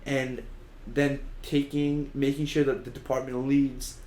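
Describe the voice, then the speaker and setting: A man's voice: medium pitch, flat delivery, measured pace, a little mellow, a little hiss or hum. A man co-hosting a podcast, chatting casually in a rambling way with lots of fillers and restarts. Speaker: podcast co-host. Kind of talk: casual chat. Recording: echoey room.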